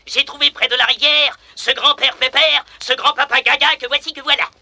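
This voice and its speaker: An actor playing a timid, fussy manservant in a storybook recording, talking in a comic, stammering way. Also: male voice, very high-pitched, fairly even intonation, fairly quick, creaky, bright, forceful tone, exaggerated voice. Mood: eager. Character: timid, jittery young male manservant.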